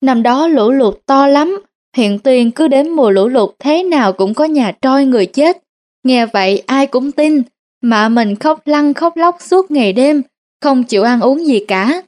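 Woman narrating a story, fairly high voice. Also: expressive, unhurried, darkish tone.

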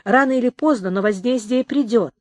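A woman reading an audiobook, voicing a mother who speaks slowly and emphatically about retribution. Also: on the high side, no room sound, studio quality, pitched above the performer's own voice, lightly acted. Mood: solemn. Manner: slow, emphatic, solemn. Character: stern mother stating a moral law.

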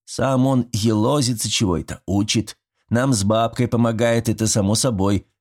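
A man's voice: lowish voice, moderate pace, darkish tone, natural voice. A man voicing a fussy, good-natured old village grandfather who talks in folksy rural speech, sighing and fretting. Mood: fretful. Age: older.

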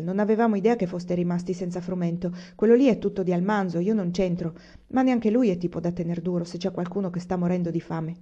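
A woman's voice: lowish voice, warm tone, dull audio. A woman reading a novel aloud, giving the characters' lines small shifts of voice and dropping her level on the narration tags. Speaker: reader.

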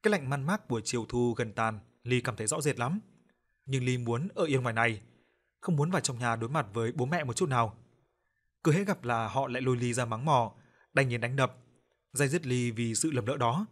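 A man narrating a dramatic audio story in a measured, emotive way. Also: medium pitch.

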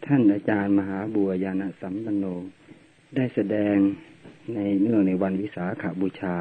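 A man's voice: on the low side, fairly even intonation, normal speed, husky. A man formally introducing a recorded sermon, played from an old worn tape. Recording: tinny worn tape with faint hiss.

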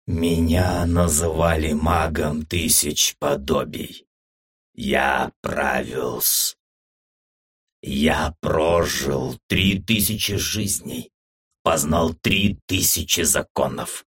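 Guy doing an old old mage king, deep and slow, solemn, kinda faint like from a distance, audiobook voice. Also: steady tone, a bit bright, breathy edge, no echo, studio quality, heavily acted. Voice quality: low, slow, faint and aged. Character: ancient wise old male mage king echo. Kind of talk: audiobook character voice.

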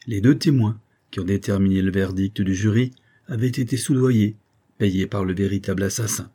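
Man reading as a solemn investigator, slow and weighty, dark husky tone, audiobook. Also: lowish voice, lightly acted. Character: solemn male investigator, secretary to the prefect.

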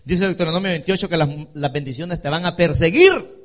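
A man preaching a sermon as a pastor, emphatic and rising loud when he quotes scripture. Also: a little high, brisk.

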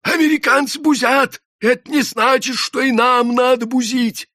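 A man voicing a hoarse, agitated worker who shouts speeches at a crowd. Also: very high-pitched, fairly even intonation, normal speed, dry recording, studio quality, voice pushed up, heavily acted. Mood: shouting. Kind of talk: audiobook character voice.

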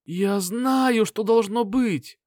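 A man's voice: sits high, takes it slowly, darkish tone, no echo, clean studio sound, pitched above the performer's own voice. A man voicing a badly wounded young inventor who speaks weakly and strained, rambling about his designs. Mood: feverish.

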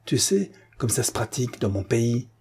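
A man's voice: mid-range voice, sing-song, normal speed, husky, heavily acted. A man reading an audiobook, voicing a cruel, mocking male gang chief who tortures a captive and taunts him. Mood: furious. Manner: taunting, then furious and shouting.

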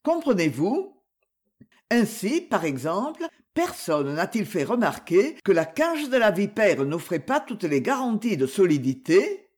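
A reader voicing a courteous male investigator who questions witnesses in a measured way in an audiobook. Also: medium pitch, very animated, darkish tone, slightly rough. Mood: probing. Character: polite, probing male investigator.

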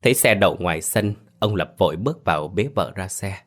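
A man narrating a scripted ghost story in a steady, even reading voice. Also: low voice, fairly quick.

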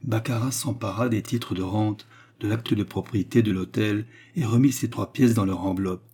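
A man reads a classic novel aloud as an audiobook narrator. His delivery is steady and measured. The voice sits low, with a dark, slightly husky tone.

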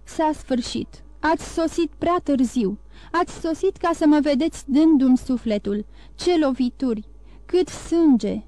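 Woman doing a dying man, desperate, pleading, gasping, high cries, dry close sound. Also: warm tone, dry recording, natural voice. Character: dying wounded male ex-convict, desperate.

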